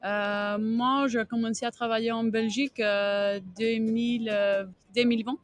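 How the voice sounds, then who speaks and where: Female interview guest, foreign Greek accent, unhurried and halting delivery, slightly high voice. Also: little pitch movement. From Greece. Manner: halting, searching for words in non-native French. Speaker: tennis coach and podcast guest. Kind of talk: interview answers.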